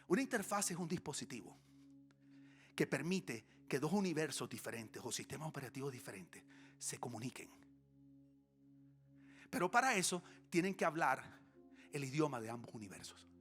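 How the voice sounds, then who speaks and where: A pastor preaches to a congregation in a fairly high, lively voice. His storytelling is comic: he swings from loud exclamations to near-whispers. Soft music plays faintly underneath. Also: moderate pace, pauses often. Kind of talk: sermon. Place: church stage before a congregation.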